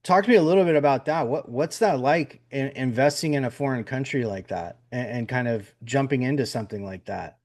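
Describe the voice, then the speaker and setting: A man's voice: mid-range voice, a little fast, few pauses, darkish tone. Chatty man hosting a podcast, rambling. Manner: rambling, repeats words, many fillers. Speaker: podcast host. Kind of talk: casual interview chat.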